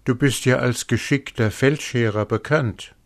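A man voicing a cunning horse who flatters and pleads in a storybook reading. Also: medium pitch, measured pace, voice pushed up, close to an everyday voice. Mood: pleading. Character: cunning male horse, feigning hurt.

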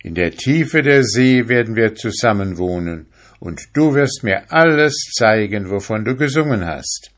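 A man's voice: fairly low pitch, expressive, slow pace, pitched above the performer's own voice, exaggerated voice. A man voicing a young lovestruck fisherman who speaks in an eager, pleading way, raised above his own voice. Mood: eager, excited.

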